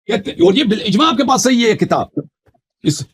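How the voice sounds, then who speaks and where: A man in a heated religious debate, forcefully quoting Arabic texts and accusing his opponent. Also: high voice, very animated, slightly rough. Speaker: Shia debater.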